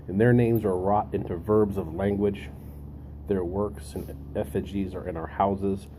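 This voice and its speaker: Male host, deep-voiced and deliberate, musing over readings with pauses, faint-to-clear ambient noise behind. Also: warm tone. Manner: deliberate, pausing, repeats phrases for emphasis. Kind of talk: reflective monologue, reading and commenting.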